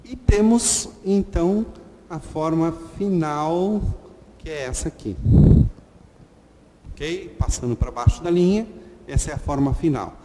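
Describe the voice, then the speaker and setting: A man teaches at an unhurried, deliberate pace. His fairly high voice carries a long reverb. A faint hiss sits under the recording. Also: mellow. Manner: slow, patient, repeats letter sounds, frequent "ok?". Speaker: Hebrew teacher. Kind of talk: online lesson at a whiteboard.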